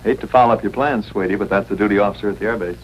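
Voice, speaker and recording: An actor playing an easygoing, teasing Air Force captain and husband in a 1950s TV broadcast drama, with folksy banter. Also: male voice, lowish voice, very fast, natural voice. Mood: mild, reassuring. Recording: noisy old 1950s TV soundtrack.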